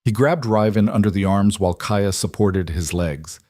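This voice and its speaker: A man reading a dark fantasy romance with measured, dramatic storytelling. His voice sits low, and the recording is dry and close with no room sound. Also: dry recording. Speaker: narrator. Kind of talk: scripted audiobook narration.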